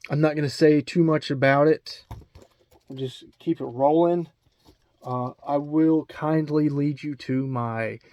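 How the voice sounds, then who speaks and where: The audio is dull with no echo as a medium-pitched man with an Alabama accent chats casually on video. He wanders through talk of his comic books, stumbling over ums and starting sentences again.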